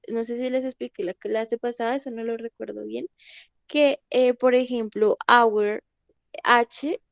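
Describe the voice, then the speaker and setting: A woman's voice: on the high side, dry recording. A woman teaching an English class online, explaining patiently and often checking that students follow. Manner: patient, checks understanding with frequent "¿listo?".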